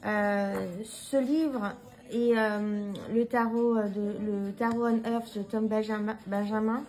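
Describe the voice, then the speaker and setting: A woman's voice: medium pitch, fairly even intonation, takes it slowly, darkish tone, low-quality recording. A woman talking casually to her viewers as a tarot reader, hesitant, with many fillers and restarts, frank and informal. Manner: frank and informal, mild swearing. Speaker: tarot reader presenting books. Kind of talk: casual vlog talk.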